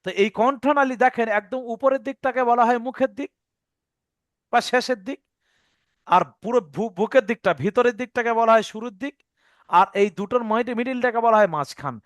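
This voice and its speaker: Man, teacher, high voice, dry close sound, patient, repeats and sounds out letters. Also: a bit bright, no echo. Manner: patient, repeats points, checks understanding; demonstrates sounds aloud. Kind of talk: Arabic letter pronunciation lesson.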